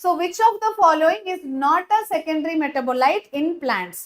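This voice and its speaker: High-pitched with lively intonation and drawn-out words, a Telugu-accented woman delivers a live online biology class. She moves between English and Telugu, repeating "okay" and often inserting "uh."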